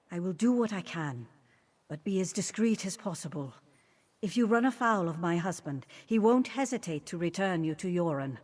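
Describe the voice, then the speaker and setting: Fantasy game queen: lowish pitch, dignified, formal, measured and politically shrewd. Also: a little mellow. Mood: cautious. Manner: formal, regal, deliberate. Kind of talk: video game character dialogue.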